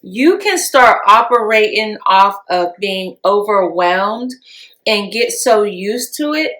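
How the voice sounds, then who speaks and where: A middle-aged woman co-hosting a podcast, talking casually about faith and rest, expressive and quick to laugh. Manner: expressive, laughs easily, swings up in pitch when excited. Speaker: podcast co-host.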